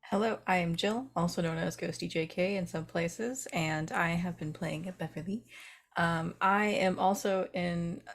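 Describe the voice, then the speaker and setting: Low-voiced friendly woman player. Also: a little slow. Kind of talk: casual chat.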